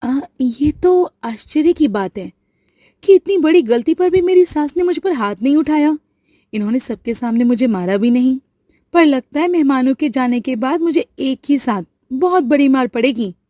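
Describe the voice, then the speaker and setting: Woman doing a timid young bride, high and fearful, animated storybook tale. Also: normal speed, no room sound, studio quality. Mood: anxious. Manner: trembling, pleading, high-strung. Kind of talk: storybook voice acting.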